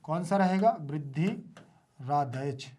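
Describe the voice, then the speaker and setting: A woman teacher giving an online grammar lesson, repeating key words and asking students quick questions. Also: sits low, mellow, slight background noise.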